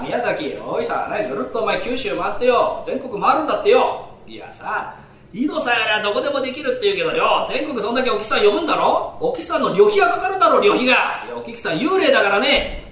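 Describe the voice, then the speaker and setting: A man doing rough, chatty Edo townsmen. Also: high-pitched, a bit bright. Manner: rough, slangy street talk. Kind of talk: rakugo character dialogue. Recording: echoey hall, distant mic, faint noise.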